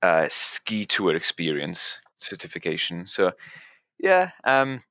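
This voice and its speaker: A man's voice: sits low, very animated, slow, bright, forceful tone, no echo, dull audio. A man co-hosting a podcast in casual chat, thoughtful and hedging as he talks. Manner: thoughtful, hedging, chuckles often. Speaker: podcast co-host. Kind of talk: casual conversation.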